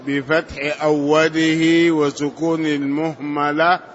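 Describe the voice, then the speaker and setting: Man, slightly high voice, very unhurried chanted reading, lesson recitation. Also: flat delivery, lo-fi sound. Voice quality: reads in a slow chanting lilt. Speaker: student reading a hadith commentary aloud. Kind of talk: measured text recitation.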